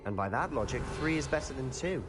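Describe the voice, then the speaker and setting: A man's voice: mid-range voice, lively intonation, brisk, close to an everyday voice. An actor playing a wry, teasing young male wizard student in video game dialogue, with game music behind. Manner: dry, teasing wit.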